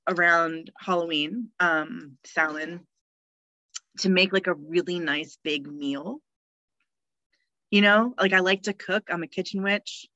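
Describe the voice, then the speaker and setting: Woman, cheerful and chatty podcast guest, bright and forceful voice, dry dull recording. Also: lowish voice, dry recording. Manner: chatty, cheerful, laughs often, many fillers. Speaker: podcast guest, death midwife. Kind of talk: casual podcast conversation.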